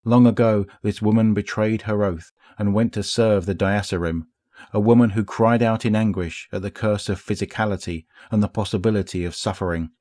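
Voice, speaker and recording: A man narrates game lore as an audiobook with a measured, steady pace. His voice sits low. The recording is dry and close to the mic. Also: no echo.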